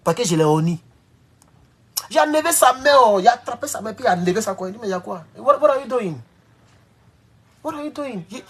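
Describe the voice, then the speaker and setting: During a casual live stream, a man with a slightly rough voice rambles on to viewers, his delivery swinging from loud, high outbursts down to low mutters.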